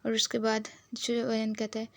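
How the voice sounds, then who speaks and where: A woman's voice: on the high side, a little slow, creaky, no echo. Woman retelling a drama. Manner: lively, switches into quoted lines with a lifted voice. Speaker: narrator explaining a drama series. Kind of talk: casual storytelling narration with acted quotes.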